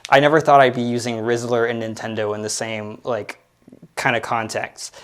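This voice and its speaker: A young man in his late twenties chats through his own podcast. His voice sits in a middle pitch, and he wanders through thoughts with frequent fillers and self-deprecating asides. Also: little pitch movement, normal speed. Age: 20s. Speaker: podcast host. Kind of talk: casual solo commentary.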